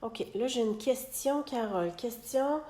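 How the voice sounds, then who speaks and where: A woman's voice: a little high, a little slow, mellow, echoey room. A woman with a Québécois French accent hosting a live card-making tutorial, chatting and talking to herself as she works, recorded on a phone held in a clamp. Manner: chatty, talks to herself while working.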